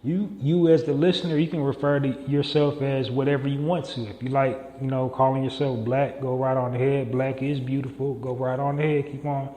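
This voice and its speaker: Alone on his podcast, a man rambles through a casual solo monologue full of fillers and restarts. His medium-pitched, mellow voice is flat and fairly quick with few pauses, and the room is echoey with long reverb.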